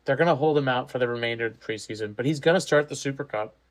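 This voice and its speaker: Man, podcast co-host, mid pitch, opinionated and argumentative in casual banter. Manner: opinionated, argumentative, quick to take positions. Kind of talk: casual sports podcast chat.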